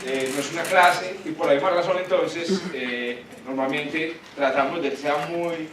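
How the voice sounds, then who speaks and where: A man with a Paisa Colombian accent hosting an informal science talk, halting and colloquial, his articulation slightly awkward from new dental braces. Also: fairly high pitch. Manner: colloquial, halting, searching for words. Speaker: colloquium host, astronomer. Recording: echoey hall, far from mic, faint noise.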